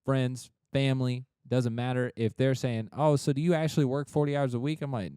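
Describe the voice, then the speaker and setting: A man's voice: medium pitch, fairly even intonation, brisk, dark tone, clean tone, no echo, clean studio sound. A man with a Southern, Kentucky accent chatting casually and teasingly as a podcast co-host. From Southern United States. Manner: playful, teasing. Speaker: podcast co-host and content creator. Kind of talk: casual banter.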